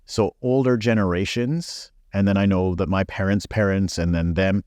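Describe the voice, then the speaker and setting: A Belgian-born man in his forties chats casually and frankly as a podcast guest, using many fillers. His deep voice is a little mellow, with fairly even intonation and a moderate pace, recorded at studio quality with no echo.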